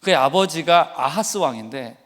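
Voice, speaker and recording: Korean pastor preaching in a reverberant hall. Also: male voice, fairly high pitch, expressive, normal speed, a bit bright. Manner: emotional personal testimony, rising to fervent exhortation. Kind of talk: sermon. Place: church sanctuary. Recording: long church hall reverb.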